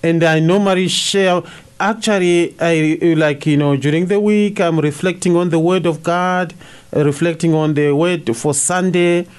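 This middle-aged man is a priest from Zimbabwe whose mother tongue is Shona, and his voice is clean, fairly high for a man, and quite even in intonation. His radio interview replies come out hesitantly and reflectively, often broken by uhs and false starts.

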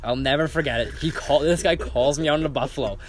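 A man's voice: on the high side, quick pace, slight background noise. A young man telling a story in casual chat, acting out quotes and swearing freely. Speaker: guest storyteller.

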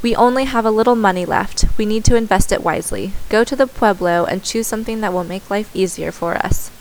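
A woman's voice: mid-range voice, a little fast, a little hiss or hum, natural voice. A woman reading the lines of a poor widowed farmer father in a storybook, with a patient, kindly tone.

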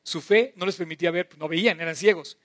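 A middle-aged man preaching a sermon, impassioned, swinging between loud emphatic bursts and soft drawn-out phrases. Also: high-pitched.

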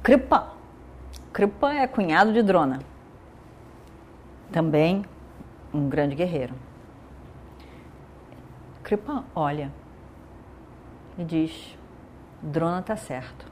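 A woman telling an epic story in an animated way, switching between the characters' voices. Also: lowish voice, very slow, long pauses, a little hiss or hum.

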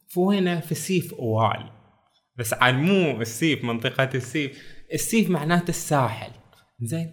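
A man with a Bahraini Arabic accent talking casually through a book, reading verses slowly and adding joking asides. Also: a little high, fairly bright tone. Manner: chatty, quotes verses slowly, jokes aside. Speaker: book reviewer. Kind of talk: casual spoken book talk.

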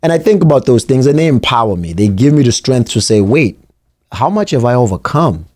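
A man hosting alone, talking in an unhurried, thoughtful and personal way. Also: medium pitch, big pitch swings, a little mellow, dry recording, studio quality. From South Africa. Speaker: podcast host. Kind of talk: reflective solo monologue.

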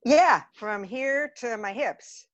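Speaking slowly in a fairly high voice, a theatre director from the Los Angeles area tells candid, self-deprecating stories as a guest on a casual podcast. The recording sounds dull, with no room sound.

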